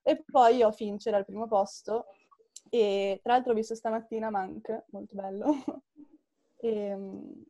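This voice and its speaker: A young woman chatting casually about her favourite directors, chatty and self-deprecating with quick asides. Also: mid-range voice, steady tone, mellow. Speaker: podcast co-host. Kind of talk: casual film chat.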